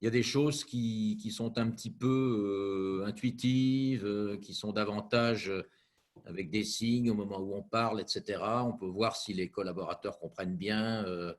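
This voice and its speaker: A man taking part in a remote meeting discussion. He speaks hesitantly, with many pauses and restarts. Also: lowish voice. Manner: hesitant, halting, full of pauses. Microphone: video call.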